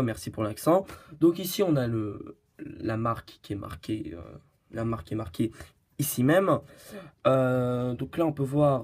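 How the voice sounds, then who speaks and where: Husky, hesitant man reviewing gadgets. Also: medium pitch, a little mellow. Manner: hesitant, many fillers and restarts, giggly and self-mocking. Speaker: host of a tech review channel. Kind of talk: casual product review.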